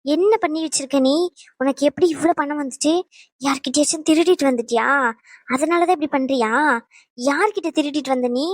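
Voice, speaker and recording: A woman's voice: high voice, fairly quick, a little mellow, dry recording, studio quality, lightly acted. A woman voicing a bossy young granddaughter in a cartoon who scolds and threatens her grandmother. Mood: scolding. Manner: scolding, demanding.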